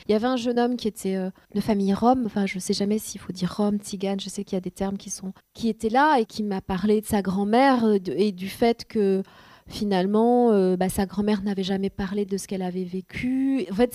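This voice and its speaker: Woman author at a public talk; earnest, halting delivery, warm voice, dry sound. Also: mid-range voice, no room sound. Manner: halting, searching for words, earnest.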